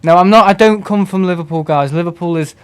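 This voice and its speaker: A young man from England, high-voiced, fast and clean in tone, chats his way through a flight sim stream. He laughs a lot, mocks himself, and reads the chat aloud.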